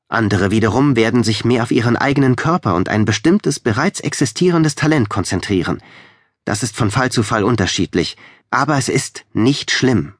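A man's voice: mid-range voice, dry recording, studio quality, voice pushed up, natural voice. A man reading the part of an earnest, worried young woman researcher in an audiobook, lifting his voice for her.

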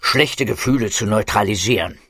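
A man's voice: lowish voice, normal speed, sharp tone, no echo, studio quality, pitched below the performer's own voice. A man voicing a scheming, greedy middle-aged scientist in an audiobook. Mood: gloating.

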